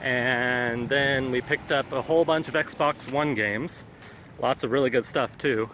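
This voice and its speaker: Speaking a little slowly, a man with a medium-pitched, pushed, bright voice vlogs around shops and a mall. He's a video game collector chatting casually and frequently turning to a companion, captured in a noisy on-location recording with traffic and ambience.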